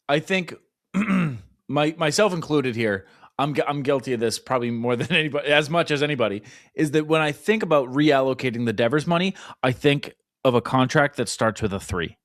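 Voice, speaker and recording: A man's voice: medium pitch, moderate pace. A man co-hosting a sports podcast in casual chat, ranting with exasperation and mocking other people's words. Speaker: podcast co-host.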